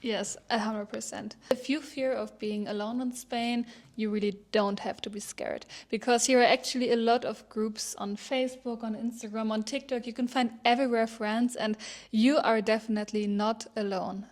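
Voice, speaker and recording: A woman's voice: fairly high pitch, fairly even intonation, moderate pace, hardly any pauses, darkish tone. A young woman from Germany, a non-native English speaker, chatting enthusiastically as co-host. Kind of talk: casual chat.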